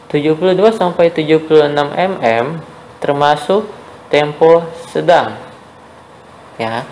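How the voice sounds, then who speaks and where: A man's voice: on the high side, unhurried, darkish tone, slight background noise, rough recording. A young man teaching a primary-school music lesson, explaining patiently step by step. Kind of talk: online class lesson for children.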